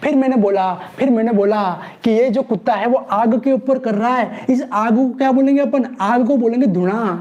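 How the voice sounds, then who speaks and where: A man's voice: very high voice, normal speed, hardly any pauses, a little mellow, highs cut off. A man teaching an exam-prep class, playfully asking questions and answering them himself while drilling memory tricks. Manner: playful call-and-response, repeats each key word with mnemonic stories.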